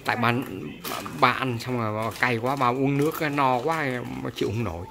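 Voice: mid-range voice, a little fast, bright, forceful tone. An adult, chatting casually in a teasing, coaxing manner. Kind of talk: casual family chat, egging others on.

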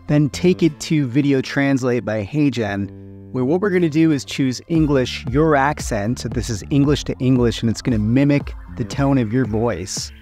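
Guy walking through a tutorial step by step, mid pitch, soft music underneath. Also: moderate pace. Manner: steady, step-by-step explaining. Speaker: tutorial host. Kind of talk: explanatory tutorial narration.

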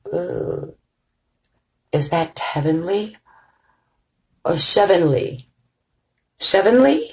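A woman's voice: on the low side, a little mellow, breathy edge, rough recording. A middle-aged woman hosting an online music show, chatting playfully with listeners and singing along now and then. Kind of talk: casual live-stream chat.

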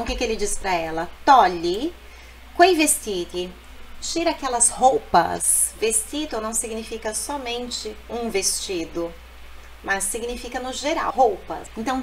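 Lady teacher explaining stuff slow, kinda high voice, little hiss behind. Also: rough recording. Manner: explains patiently, repeats phrases slowly. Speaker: Italian teacher. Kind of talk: language lesson.

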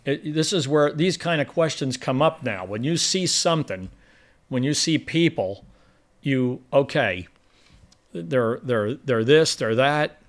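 A man's voice: medium pitch, expressive, a little slow. Man, film podcast co-host, rambling plot recap, lots of restarts, mid-range voice. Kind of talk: casual film review chat.

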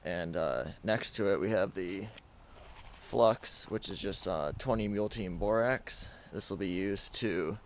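Guy explaining blacksmith steps, lots of uh's, clear background noise outside. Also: low voice. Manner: plain, halting, many "uh" fillers. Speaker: hobby blacksmith. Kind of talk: explaining narration over a demo. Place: outdoor backyard forge. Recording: noisy outdoor recording.

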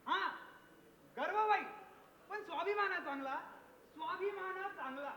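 A man's voice: extremely high pitch, normal speed, sharp tone, slight background noise. A man playing a preachy, boastful villager. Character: proud middle-aged village man, boastful. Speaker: stage actor. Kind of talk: live stage comedy acting. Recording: echoey hall from a distance.

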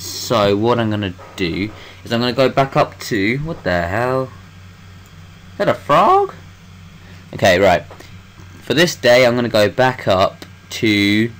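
A young man gives let's-play commentary, rambling to himself as he plays and swearing freely. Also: fairly low pitch. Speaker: gameplay commentator.

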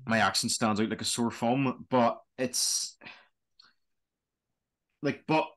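A man's voice: mid-range voice, slow pace, a bit bright. A young man with a Donegal Irish accent, chatting casually in a hesitant, rambling way on a video call. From Donegal, Republic of Ireland. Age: young adult. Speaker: student guide, interview guest. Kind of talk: casual chat. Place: small plain room indoors. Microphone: webcam video call.

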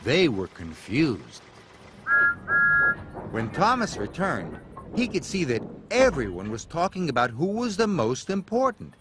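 A man reading a children's story as narrator, in a lively, expressive storytelling manner. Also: on the high side, unhurried, very noisy. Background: music.

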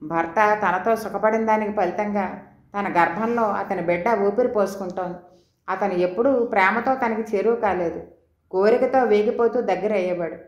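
A woman with a medium-pitched voice narrates a novel as an audiobook, reading every character's dialogue in her own voice. The recording is reverberant.

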